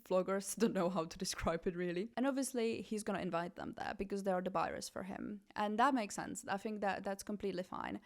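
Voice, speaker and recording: A Czech fashion journalist in her twenties hosts a podcast, speaking in a mid-range voice. She chats casually and animatedly, correcting herself often.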